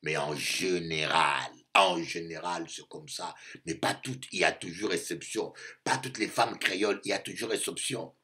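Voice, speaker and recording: A man from Africa preaching a sermon as a bishop, animated and repeating phrases for emphasis, often acting out other voices. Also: sits low, normal speed, few pauses.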